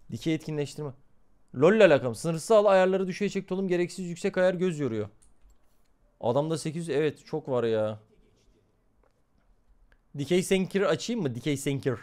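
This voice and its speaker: A man's voice: a little high, a little mellow. A young man streaming a game live, swearing constantly and talking to his chat. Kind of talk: live gameplay commentary.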